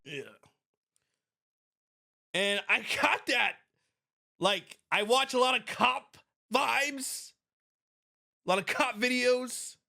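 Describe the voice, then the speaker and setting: This podcast host has a slightly high voice with vocal fry, speaking slowly with long pauses. She plays a private security expert commenting on a video clip, animated and emphatic, with many restarts and frequent laughter.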